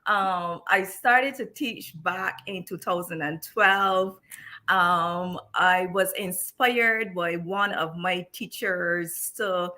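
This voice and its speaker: A woman's voice: lowish voice, slow pace, sharp tone. A woman in her thirties from Barbados, a teacher telling her story as a guest on a live-streamed interview, chatty with many restarts.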